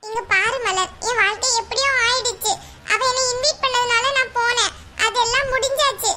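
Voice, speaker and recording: A woman voicing a gentle older sister in a cartoon, soft and pleading. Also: extremely high pitch, steady tone, normal speed. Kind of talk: cartoon voice acting.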